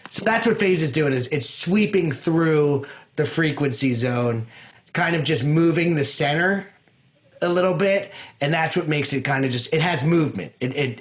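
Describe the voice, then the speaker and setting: A man with a fairly high voice teaches a casual online guitar lesson. He talks in loose, rambling explanations, full of fillers and restarts, and he comes through a video call. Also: lively intonation, moderate pace. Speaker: music teacher.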